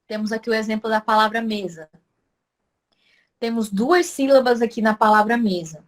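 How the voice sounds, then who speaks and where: A woman teaching a language lesson online, explaining step by step, asking questions and answering them herself, and loudly stressing syllables to demonstrate. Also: a little high, normal speed.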